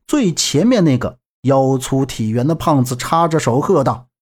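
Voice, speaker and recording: A male narrator reading a novel aloud in a middle pitch. His voice moves up and down a lot as he tells the story and acts out the dialogue. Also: animated, normal speed, darkish tone. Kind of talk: audiobook narration.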